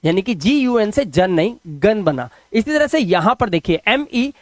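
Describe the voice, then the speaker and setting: A man's voice: high voice, sing-song, normal speed, no room sound. A man teaching English pronunciation rules in Hindi, patiently spelling out words letter by letter.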